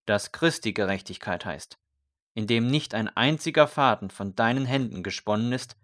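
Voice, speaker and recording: Man as fervent male priest, earnest, intense, pleading, low voice, storybook. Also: takes it slowly, dry recording, clean studio sound.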